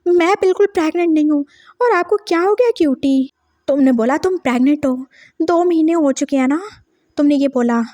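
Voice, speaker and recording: A woman voicing a lovesick young man who is clingy, pleading and quick to get flustered, read for a fan story. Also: high-pitched, dark tone, no room sound, natural voice.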